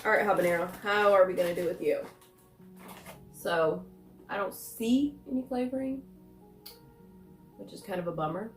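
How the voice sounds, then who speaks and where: A woman's voice: medium pitch, normal speed, pauses often. A woman chatting casually through a food taste test, rambling and thinking aloud as she goes. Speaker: snack reviewer. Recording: roomy echo, faint music.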